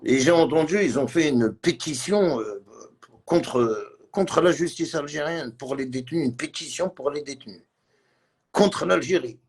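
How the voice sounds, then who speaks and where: A man's voice: on the high side, expressive, measured pace, breathy edge. A man on a live stream, ranting in a heated, repetitive way and mixing in words from other languages. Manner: agitated, repetitive, mixes French with Arabic and Kabyle. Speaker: livestreamer.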